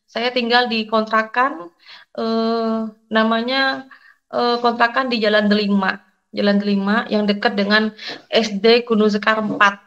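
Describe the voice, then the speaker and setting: A middle-aged woman, telling her faith testimony in an emotional, halting way and addressing listeners directly. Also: a little high, a bit bright, dull audio. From Indonesia. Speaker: testimony guest.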